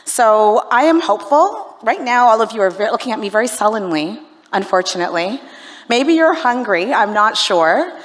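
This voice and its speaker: Her voice leans high and animated, moving at a moderate clip, as this Canadian woman hosts a business event in a large conference hall. Chatty and playful, she works the audience over a handheld stage microphone, captured with reverberant hall sound.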